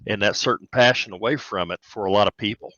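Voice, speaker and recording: A man's voice: fairly low pitch, bright, forceful tone, no room sound. A man who coaches basketball, co-hosting a casual sports talk show and weighing his opinions carefully. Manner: thoughtful, measured opinions. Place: cafe studio. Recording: slightly dull dry recording.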